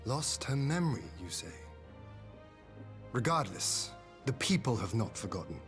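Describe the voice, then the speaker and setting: An actor playing a calm, courteous young lord and rebel leader in a video game, speaking in formal, archaic, measured phrases. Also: male voice, mid-range voice. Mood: grave, commanding. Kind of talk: scripted video game dialogue. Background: music.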